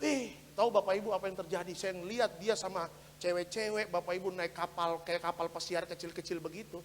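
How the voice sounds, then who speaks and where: Male pastor, sermon, very high voice, emphatic, repeats lines, long hall reverb. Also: steady tone, brisk, a little hiss or hum. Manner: fervent, swings between loud exhortation and low asides; repeats phrases and addresses the congregation directly. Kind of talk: sermon for an online Sunday service.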